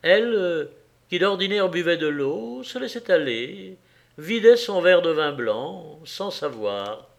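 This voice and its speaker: A male audiobook reader narrating a classic novel in a measured, expressive way. His voice sits somewhat high for a man, and he takes the text slowly, giving each phrase room. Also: vocal fry.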